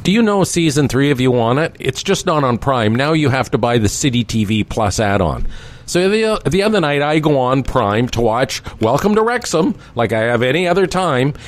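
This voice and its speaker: Animated, ranting male co-host. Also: mid-range voice, normal speed. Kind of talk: casual radio chat.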